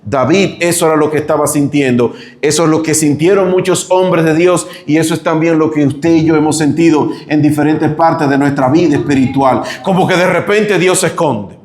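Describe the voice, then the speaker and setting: A man's voice: fairly high pitch, roomy sound. A man with a Dominican Spanish accent preaching a sermon as pastor, speaking with passion and rising when he voices prayers. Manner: impassioned preaching, rising when voicing pleas.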